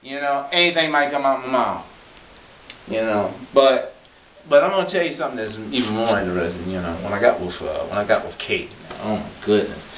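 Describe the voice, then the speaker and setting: Ranting vlog host with a bright voice. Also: male voice, fairly low pitch, moderate pace, recorded from a distance, highs cut off, a little hiss or hum. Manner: rambling, with many "I mean" and "you know" fillers; profane and animated. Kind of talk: comedic casual rant.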